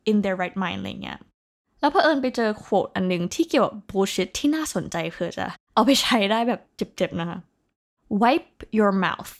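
A woman hosts a relaxed vocabulary lesson, talking in a chatty, easygoing way. She stops now and then to spell English words out letter by letter. Her voice sits at a middle pitch. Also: moderate pace, creaky. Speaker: host teaching English vocabulary.

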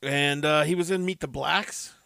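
A man's voice: on the high side, moderate pace, gravelly, sharp tone, no room sound, studio quality. A man co-hosting a casual movie podcast, rambling through cast lists with many fillers. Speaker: podcast co-host. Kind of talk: casual movie-review chat.

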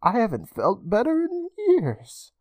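A man voicing a woman librarian turned vampire, speaking slowly in a hushed, eerie way. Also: very high-pitched, wildly swooping pitch, dry recording, clean studio sound, pitched above the performer's own voice, exaggerated voice.

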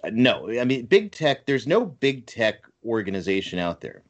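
A man's voice: mid-range voice, very animated, moderate pace. A man on a talk show explaining his point insistently and emphatically. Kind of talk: casual talk show chat.

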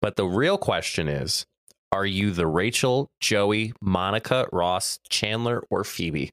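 A man's voice: fairly low pitch, lively intonation, takes it slowly, a bit bright, dry recording, studio quality. A man hosting a casual chat, reading out quiz questions with a playful manner and frequent laughs. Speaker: host.

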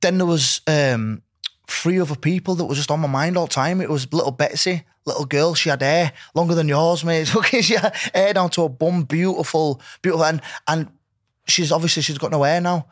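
A man's voice: a little high, fairly quick, dry recording, clean studio sound. A man chatting casually as a podcast guest, earnest, rambling and matey. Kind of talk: casual chat.

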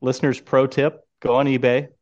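A man's voice: medium pitch, flat delivery, moderate pace, darkish tone, dry recording, lo-fi sound. A man co-hosting a casual golf podcast, teasing the others and giving mock tips to listeners. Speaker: podcast co-host. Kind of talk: casual chat.

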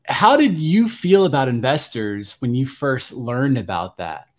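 A man hosting a podcast interview, asking questions in a halting, friendly way with many restarts. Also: medium pitch, very animated. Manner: hesitant, stammering restarts. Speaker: podcast host. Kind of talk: casual interview.

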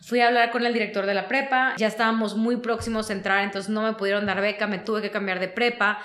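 A woman from Mexico, a human resources consultant telling her life story in an interview, animated and full of fillers. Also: medium pitch, quick pace, echoey room. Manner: animated, frequent fillers like "o sea" and "¿no?". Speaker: guest, HR consultant.

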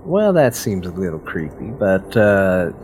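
A man with a fairly low voice plays a tabletop game. He speaks casually in character, conversational and questioning. Soft music runs behind his voice. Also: big pitch swings, unhurried, slight background noise.

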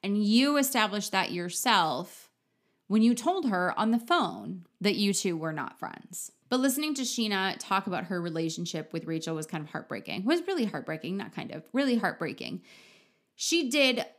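A woman's voice: medium pitch, very animated, normal speed. A woman with a mid-range voice talks through a TV recap as a podcast host. She is blunt and opinionated in a casual way and often breaks off to restart a sentence.

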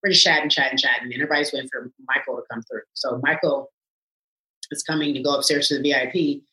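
A woman in her thirties, a sports TV anchor, telling stories in casual chat with lively jumps up into a high voice. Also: quick pace, reverberant, low-quality recording. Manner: animated, swoops up high when acting out her reactions.

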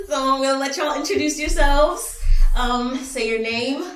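A woman's voice: high voice, unhurried, a bit bright, distant mic. Laid-back woman host, roomy sound. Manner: easygoing, laughs often. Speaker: podcast host. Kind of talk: casual chat. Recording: roomy echo, off-mic.

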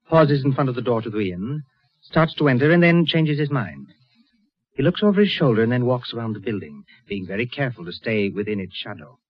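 A man's voice: mid-range voice, slightly rough. A man narrating a suspense story in 1940s radio style. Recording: dull old radio recording.

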